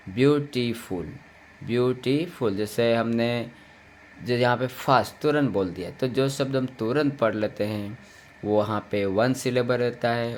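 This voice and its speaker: A man talks through a grammar lesson in a patient, step-by-step way, repeating each point with translations. His pitch sits in the middle range. A faint hum of noise runs under the recording. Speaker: English teacher.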